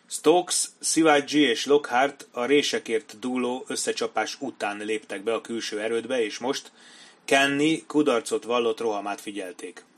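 A man's voice: mid-range voice, fairly bright tone. Man narrating a war audiobook. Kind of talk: scripted narration.

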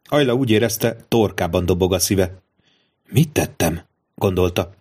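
A man's voice: deep voice, darkish tone. Man narrating an audiobook.

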